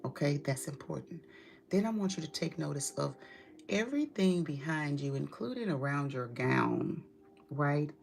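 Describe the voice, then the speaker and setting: A woman's voice: sits low, lively intonation, normal speed, gravelly, slight background noise. A woman giving a tarot reading straight to her client, direct and emphatic, with casual swearing. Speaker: tarot reader.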